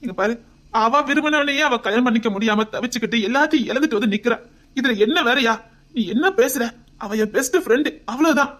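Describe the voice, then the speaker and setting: Homemade drama role: a doting young husband with a Tirunelveli accent, soft and coaxing, higher-pitched, played by a woman. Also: natural voice. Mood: earnest. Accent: Tirunelveli Tamil. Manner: tender, pleading, often near a whisper.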